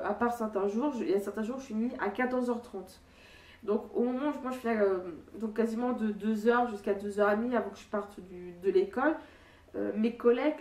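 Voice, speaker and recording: A young adult woman reviews a book casually, her mid-pitched, nasal, darkish voice clogged by a blocked nose. She rambles hesitantly, frequently restarting phrases, heard through a distant mic in an echoey room.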